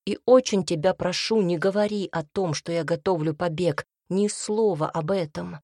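A woman's voice: fairly low pitch, moderate pace, a little mellow, no room sound, studio quality. A woman voicing an irritated young man who is urgently plotting an escape, in an audiobook reading. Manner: curt, urgent, conspiratorial.

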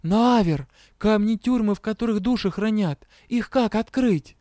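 A man's voice: high-pitched, a little slow, dark tone, no echo, studio quality, pitched above the performer's own voice. A man voicing a young woman, the heroine, who speaks urgently and eagerly. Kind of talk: audiobook reading.

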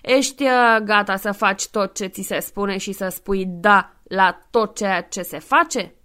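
A woman's voice: mid-range voice, sharp tone, lightly acted. A woman voicing a brusque male caretaker who speaks in a strong, commanding voice.

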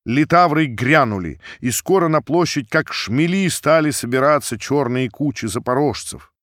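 Expressive male audiobook narrator. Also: medium pitch, dry recording, clean studio sound. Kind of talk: scripted narration of classic prose.

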